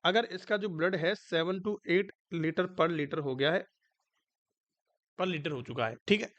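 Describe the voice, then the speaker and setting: A man's voice: on the high side, fairly bright tone, dry recording, muffled recording. Hindi-speaking man tutoring nurses, dry sound. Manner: coaxing, repeatedly checks if students understood; mixes Hindi with English medical terms, reads questions slowly. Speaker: nursing exam tutor. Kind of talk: online exam-prep lecture.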